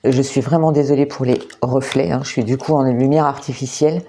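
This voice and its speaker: A woman giving a monthly astrology card reading, talking gently and hesitantly with many repeated words and fillers, indoors under artificial light. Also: very deep voice, fairly even intonation, a little fast, a little hiss or hum. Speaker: tarot and oracle card reader.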